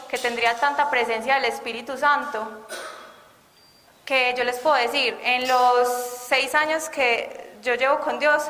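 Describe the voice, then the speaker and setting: A lay preacher delivers an earnest sermon, her slightly high voice bright and forceful. She keeps asking her listeners questions, and a long hall reverb trails her words.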